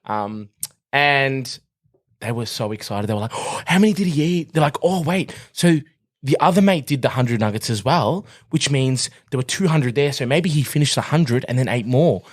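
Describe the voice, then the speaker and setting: A man's voice: medium pitch, moderate pace. A young Australian man co-hosting a podcast, telling a rambling story full of fillers and laughs in casual chat. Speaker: podcast co-host.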